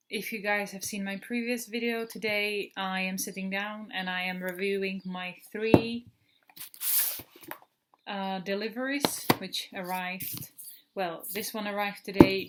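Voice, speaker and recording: Slow, chatty woman from the Republic. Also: medium pitch, fairly even intonation, very noisy. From Czech Republic. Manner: chatty, rambling, many fillers and restarts. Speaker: perfume vlogger. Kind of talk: casual perfume review vlog.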